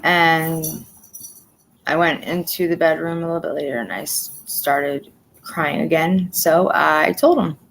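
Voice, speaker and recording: A woman with a fairly low voice gives an emotional personal update to her viewers. She talks bluntly and plainly, swears freely and repeats phrases to drive her point home. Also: measured pace, vocal fry, a bit bright, a little hiss or hum, poor audio. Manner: blunt and profane, venting frustration; plainspoken, repeats herself for emphasis. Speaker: vlogger.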